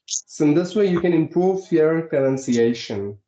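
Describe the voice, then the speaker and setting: The voice is a man's, on the high side and dark in tone, with lively intonation and a normal pace. A host of an English-teaching channel from Uttarakhand, India, he explains politely in a conversation practice call, tossing in frequent "right?"s, over echoey, dull lo-fi audio.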